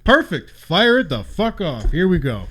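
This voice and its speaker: Lively profane man in his twenties. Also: high voice, normal speed. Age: 20s. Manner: profane, blunt, heated. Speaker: podcast co-host. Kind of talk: casual podcast banter.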